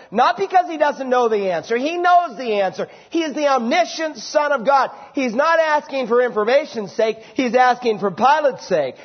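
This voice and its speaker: A man preaches an expository sermon, his voice sitting very high for a man. He leans into quoted lines with rising emphasis. The sound is dull and lo-fi, with a long reverb tail from the hall. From United States. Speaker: pastor.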